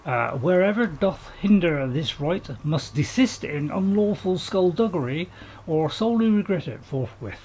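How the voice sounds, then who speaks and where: A man's voice: a little high, animated, normal speed, darkish tone, a little hiss or hum, low-quality recording. A man voicing a pompous king, declaiming a royal proclamation in a stately manner during a game video. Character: pompous male king reading out a royal decree.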